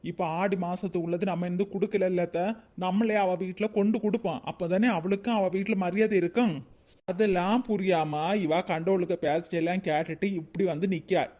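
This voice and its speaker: A woman voicing a sensible young daughter-in-law with a Kanyakumari Tamil accent, calm and persuasive, in a cartoon. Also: on the low side, fairly quick, close to an everyday voice.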